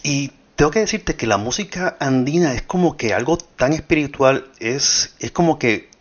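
A man's voice: medium pitch, animated, moderate pace. A man from Puerto Rico hosting an interview, eager and explaining things for the listeners. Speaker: host. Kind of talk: interview conversation. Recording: muffled lo-fi audio.

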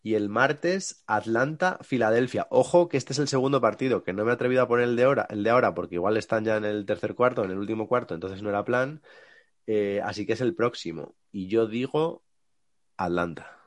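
A man with a Spain Spanish accent, co-hosting a casual sports podcast, lively and teasing, his voice rough today. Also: on the low side, brisk, no echo. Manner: lively, teasing, rattles off predictions. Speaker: podcast co-host.

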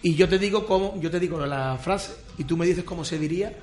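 A man hosts a light radio chat and quiz, and his voice sits noticeably high for a man. He teases his guest in a jokey, playful way and moves quickly from one bit to the next. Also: a little mellow. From Spain. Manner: teasing, jokey, quick to laugh. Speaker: radio host. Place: radio studio.

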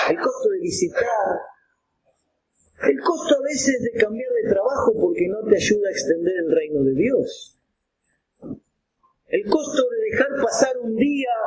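Argentine guy preaching in a roomy church hall, voice jumps all over, bit of background hum. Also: sits high. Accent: Argentine Spanish. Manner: animated, acts out examples with props, bursts into shouts. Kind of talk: sermon. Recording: roomy hall echo, faint ambient noise.

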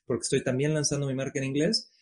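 A man's voice: medium pitch, fast. Frank Mexican man chatting. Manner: relaxed, frank, swears casually. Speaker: guest entrepreneur. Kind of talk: casual interview.

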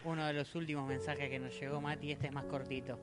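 A man's voice: mid-range voice, flat delivery, fast, soft background music. A man with a Rioplatense accent, hosting a radio show and teasing his co-host casually. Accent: Rioplatense Spanish. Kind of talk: casual chat.

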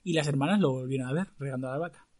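A man telling a folk tale aloud to a listener in a lively, earthy, colloquial way. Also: medium pitch, rapid-fire. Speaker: storyteller.

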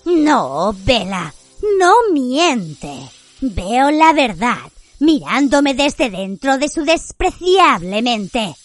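Voldemort, a cold, high-voiced dark wizard, as a woman puts him on. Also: sing-song, soft background music, full character voice. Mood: icy. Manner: cold, high, quiet and slow. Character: cold, cruel dark wizard man, menacing.

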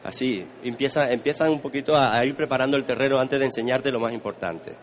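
A man with a Spain Spanish accent lectures an audience on the Eastern arts. He talks in an easy, conversational way, repeats his words and often asks whether people are following. His voice sits at an ordinary middle pitch, with faint noise in the background. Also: fast.

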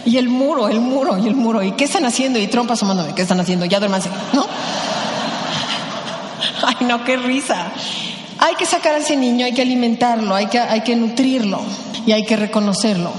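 A woman's voice: fairly high pitch, moderate pace, long pauses. Mexican woman speaker in an echoing hall. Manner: animated, acts out voices in quotes. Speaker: motivational speaker. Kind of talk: motivational talk to an audience. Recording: echoey hall with long reverb.

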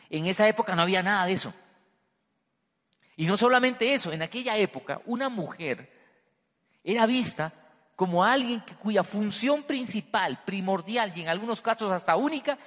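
A man preaching a sermon to a congregation, swinging between loud emphasis and quiet, hushed lines. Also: high voice. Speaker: pastor. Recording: long hall reverb.

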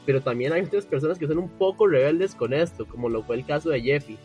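Earnest higher-voiced male co-host. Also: fast, a little mellow, faint music behind. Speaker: podcast co-host. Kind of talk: scripted program hosting.

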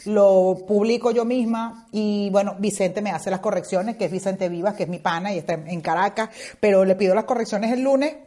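A woman with a Venezuelan accent hosting her own podcast, chatting in an animated, joking way full of swearing and quick asides. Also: mid-range voice. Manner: animated, swearing, rapid asides and playful mock voices. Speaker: podcast host. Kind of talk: casual comedic monologue. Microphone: headphones with mic.

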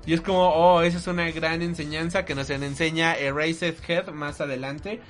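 High-voiced man chatting emotionally. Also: normal speed, soft background music. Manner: animated, emotional, filler-heavy. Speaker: anime reviewer co-host. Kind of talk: casual chat.

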